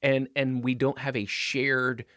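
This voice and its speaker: A man's voice: medium pitch, level tone, unhurried, fairly bright tone, smooth, dry recording, clean studio sound. A man hosting a podcast, chatty and enthusiastic, laughing easily and using many fillers. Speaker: podcast host. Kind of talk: casual conversation.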